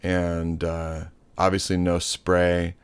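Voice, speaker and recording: Low, unhurried man demoing a synth. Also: completely flat delivery, clear, resonant tone, dry recording. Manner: loose, chatty, swears offhandedly. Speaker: synth module demonstrator. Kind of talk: casual hands-on tutorial.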